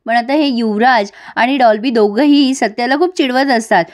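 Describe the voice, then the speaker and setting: A woman's voice: a little high, moderate pace. A woman giving a chatty recap of a TV serial, speaking to viewers directly. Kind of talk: casual serial recap narration.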